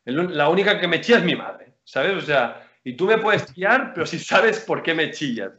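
A man, a basketball player chatting as a guest in an interview, animated, rambling and slangy. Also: a little high, moderate pace. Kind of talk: casual interview chat. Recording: roomy, dull lo-fi sound.

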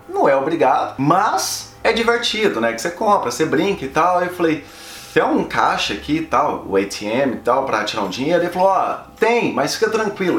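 A young Brazilian man with a Brazilian Portuguese accent, telling a story casually and acting out the dialogue in an animated way. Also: echoey room, a little hiss or hum. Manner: animated, acts out dialogue with shifting pitch.

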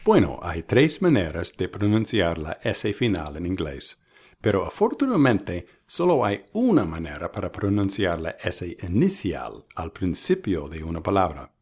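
A man teaching English pronunciation in a bilingual lesson, modeling each word slowly and contrasting wrong and right versions. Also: low voice, sing-song, darkish tone, husky. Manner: slow, deliberate, models words by contrast. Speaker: language teacher.

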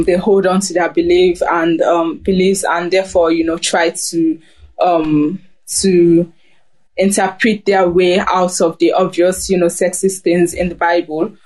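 Her voice is lowish and a touch mellow. This young woman, who grew up in Germany, joins a relaxed group chat by phone, speaking haltingly and filling gaps with plenty of "ums" and "uhs."

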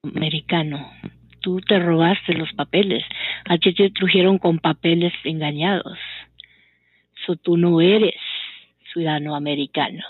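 A woman's voice: on the low side, fairly even intonation, a little slow, long pauses, slightly rough. A woman from Houston lecturing and accusing in a heated call-in chat. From Houston, United States. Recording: tinny phone line, dry.

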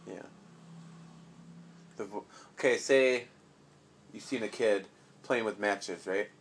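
A man's voice: on the low side, slow pace, a little hiss or hum. A man chatting casually with his child as her father, asking playful, probing questions. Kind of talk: casual chat.

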